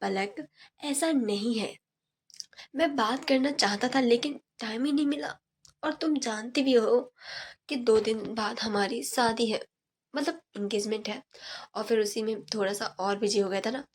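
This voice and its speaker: A woman's voice: a little high, measured pace, slightly rough. A woman voicing a coaxing young fiancé. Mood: pleading. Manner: coaxing, apologetic. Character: young man, pleading, playful fiancé.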